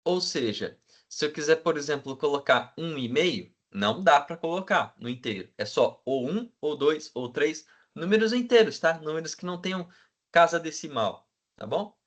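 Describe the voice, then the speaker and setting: A man's voice: on the high side, lively intonation, moderate pace. Male teacher lecturing a class. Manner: asks the class for agreement constantly; fills with "né?" and hesitant "é".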